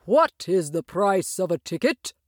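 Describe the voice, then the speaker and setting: A woman voicing a grand, showy male circus ringmaster in a storybook reading, announcing with slow flourish. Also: very animated, no room sound, studio quality. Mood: brisk. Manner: booming showman announcements. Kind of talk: storybook character voice.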